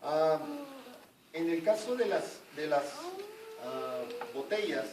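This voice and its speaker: A male evangelist preaching a sermon, retelling a conversation with emphatic, animated questions. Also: on the high side, slow. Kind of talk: sermon with retold dialogue. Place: church sanctuary. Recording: echoey church from far off with noise.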